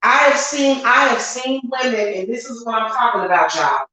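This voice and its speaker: A bright, forceful voice, a little high and at a moderate pace, belongs to an American woman who works online as a witch and spiritual reader. She speaks off the cuff to her viewers, candidly, emphatically and colloquially, restating her points. The room is very echoey.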